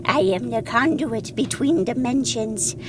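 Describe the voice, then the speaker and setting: A woman voicing a weary, always-hungry magic portal spirit with a slow, droning manner, with noise behind her. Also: on the high side, lively intonation.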